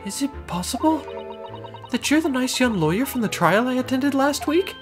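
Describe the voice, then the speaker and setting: An anxious, genteel Victorian lady acted out by a man for a game. The voice sits high and swoops about, polite and easily flustered. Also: expressive, normal speed, over music. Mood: excited. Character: anxious, genteel, gushing middle-class Victorian wife.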